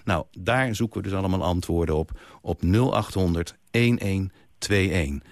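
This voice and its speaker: A man's voice: low voice, normal speed, no echo, clean studio sound. A man hosting a radio call-in show, chatting and reading out listener questions. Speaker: radio host. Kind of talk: casual radio chat.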